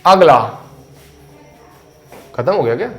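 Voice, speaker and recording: A man's voice: fairly high pitch, expressive, slow, a little hiss or hum. A man teaching English pronunciation at a board in a chatty, jokey way, repeating key words to drill them. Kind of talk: casual classroom lesson at a board.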